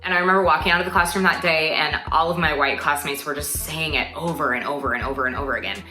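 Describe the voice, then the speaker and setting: A woman's voice: low-pitched, steady tone, quick pace. A woman in her twenties, a teacher, speaking thoughtfully and carefully about a memory. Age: 20s. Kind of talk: personal testimony to camera. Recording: echoey room, soft music behind.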